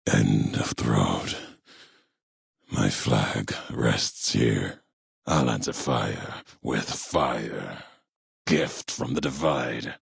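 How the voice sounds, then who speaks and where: He is a haunted, vengeful wanderer from a video game, delivered as a full character voice in a dry, studio-quality recording. The voice is extremely low, thick with gravelly fry and worn husky at the edges. His solemn monologue comes in short, cryptic, measured phrases, never hurried.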